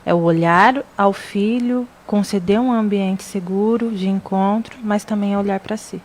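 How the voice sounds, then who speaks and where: A woman on a radio talk show who explains her points calmly and repeats key phrases for emphasis. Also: mid-range voice, normal speed. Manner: calm, explanatory, stresses points by repeating them. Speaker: radio show participant on parenting.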